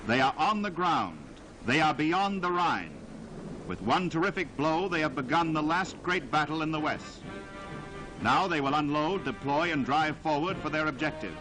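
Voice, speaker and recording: A man with a fairly high pitch and lively intonation narrates a 1940s newsreel over a vintage soundtrack with music, in a low-quality recording. His delivery is dramatic and declamatory, with emphatic, measured phrasing.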